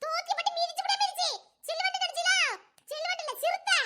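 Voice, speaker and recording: Quick and steady, this woman's very high voice carries over background noise. She is an actress in a short village romance drama, playing a bossy young villager who scolds and mocks with a sharp tongue and no restraint.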